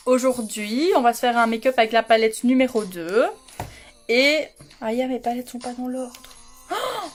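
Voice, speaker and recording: A woman doing a casual makeup livestream from home, chatty and self-mocking, giggling often and greeting viewers by name. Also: a little high. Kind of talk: casual live makeup chat.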